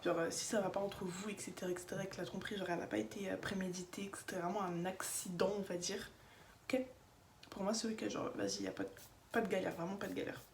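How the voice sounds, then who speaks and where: A young beauty vlogger shares her opinions in a makeup vlog, talking casually and with lots of slang at a fast, animated clip. Her medium-pitched voice has vocal fry, a slight lisp and slushy s sounds, recorded in an echoey room with faint background noise.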